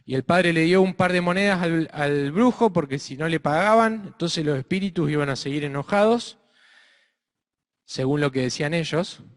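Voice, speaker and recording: A man with an Argentine accent telling a story to children, expressive and asking his listeners questions. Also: a little high, normal speed. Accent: Argentine Spanish. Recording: reverberant hall.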